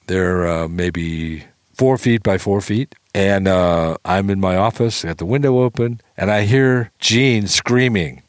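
Gruff, lively man telling a story. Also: lowish voice, dry recording, studio quality. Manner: animated storyteller, acts out quotes, swears freely. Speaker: storytelling guest. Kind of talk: casual anecdote telling.

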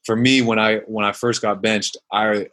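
A man's voice: on the low side, flat delivery, moderate pace, fairly bright tone. Reflective man musing with many fillers. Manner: reflective, many fillers and restarts, acts out inner thoughts. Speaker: guest, former basketball player and mindfulness coach. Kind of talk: conversational interview answer.

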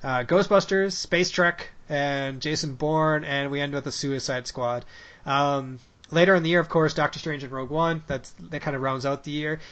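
A man's voice: a little high, moderate pace, a bit bright. A man hosting a casual, joking conversation among friends in the manner of a podcast host. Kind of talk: casual movie chat with friends. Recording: muffled lo-fi recording.

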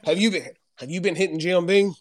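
Here the same kind of Kentucky musician guest talks fast in a high-pitched voice with fairly even intonation. His Southern drawl stays relaxed as he chats casually on the podcast, sprinkling in "man" and "you know."

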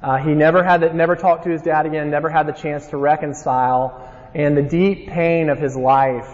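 A man's voice: a little high, fairly even intonation, moderate pace, darkish tone. A man with an Alabama Southern accent preaching in an informal, folksy way, moving between scripture and personal storytelling. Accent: Alabama Southern American. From Alabama, United States. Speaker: conference preacher. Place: large reverberant room, live talk. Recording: dull sound in a reverberant hall.

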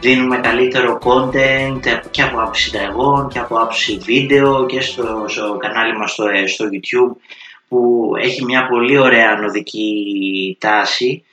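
Cooking-channel host, male, chatty and slangy, bright forceful tone, faint music behind. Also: medium pitch, fairly even intonation, lo-fi sound. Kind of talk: casual chat to viewers. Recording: roomy echo with faint music.

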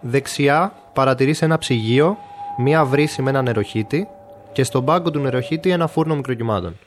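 A man narrating as game master of a mystery podcast game, describing a room with steady pacing and small fillers. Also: mid-range voice, slight background noise.

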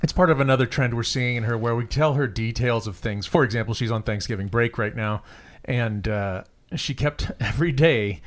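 A man's voice: mid-range voice, normal speed, hardly any pauses. A man in his forties co-hosting a podcast in casual chat, telling stories with a dry, sarcastic humor. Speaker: podcast co-host.

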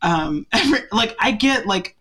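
Cheerful woman interview guest, giggly and goofy, average pitch. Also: lively intonation, normal speed, a bit bright, husky. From Portland, Oregon. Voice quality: bubbly, giggly, self-deprecating. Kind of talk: casual interview chat.

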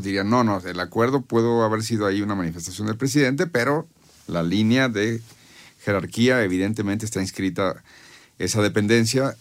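A man with a Mexican accent offers conversational political analysis, explaining and arguing his points as a panel commentator. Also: fairly low pitch. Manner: explanatory, argumentative.

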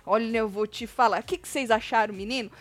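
A woman's voice: fairly high pitch, fast talker, no echo. A woman from São hosting a casual gossip chat, teasing and repeating phrases for effect. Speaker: show host.

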